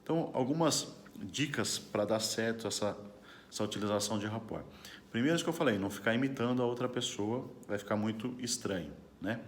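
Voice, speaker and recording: A man's voice: fairly low pitch, fairly quick, slight background noise. A middle-aged man, a corporate trainer, giving a casual lesson to camera with a chatty, questioning manner. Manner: chatty, frequent tag questions.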